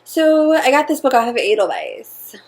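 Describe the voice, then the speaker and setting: A woman's voice: sits high, wildly swooping pitch, darkish tone. A young American woman co-hosting a book review chat, talking casually with plenty of "like" fillers and firm opinions. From United States. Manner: chatty, many "like" fillers, quick opinions.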